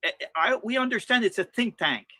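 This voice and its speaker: Bright, high-voiced Quebec French man interviewing. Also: animated, no room sound, studio quality. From Quebec, Canada. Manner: halting, searching for words in English. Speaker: interviewer, channel host.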